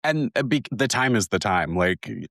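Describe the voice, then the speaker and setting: A man's voice: lowish voice, animated, normal speed, gravelly, a bit bright, no room sound, studio quality. A man hosting an interview, asking easygoing questions and laughing along. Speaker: podcast host. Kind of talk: casual interview.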